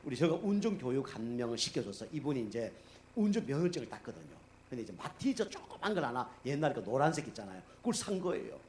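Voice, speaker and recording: A middle-aged man preaching as a pastor in a church, telling stories in a casual, animated way and acting out the people he quotes. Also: medium pitch, quick pace, slight background noise. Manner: animated, acts out quoted speech, many fillers. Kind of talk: conversational sermon storytelling. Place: church sanctuary.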